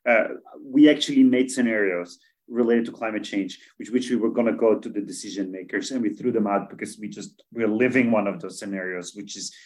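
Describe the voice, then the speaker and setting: Earnest man, lowish voice. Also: a little fast, a little mellow. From Belgium. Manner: earnest, many restarts and repeated words. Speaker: podcast guest, food policy expert. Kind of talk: interview answers.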